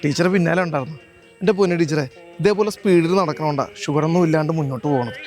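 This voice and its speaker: Man as stern cautious teacher, lecturing, slightly high voice. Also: racing, darkish tone, faint music behind, natural voice. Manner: stiff, lecturing, matter-of-fact. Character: stern, serious male schoolteacher, cautious. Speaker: schoolteacher.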